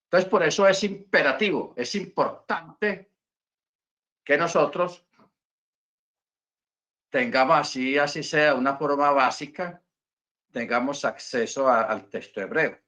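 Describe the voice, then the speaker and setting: A man's voice: a little high, pushed and bright. A man teaching a class to his congregation over a video call. He explains patiently, repeats his points and checks in with his listeners. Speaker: Bible and Hebrew teacher.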